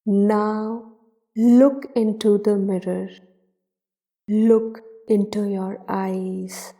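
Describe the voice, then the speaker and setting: Leading a guided meditation, this woman sounds relaxed and mellow at a medium pitch. She speaks extremely slowly and deliberately, offering short, soothing phrases broken up by long pauses.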